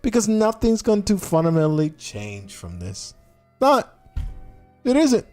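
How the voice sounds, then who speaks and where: A man's voice: sits high, wildly swooping pitch, moderate pace, dark tone, soft background music. A man livestreaming an unscripted political rant in a sarcastic, scornful exposé manner, emphatic and profane, full of rhetorical questions.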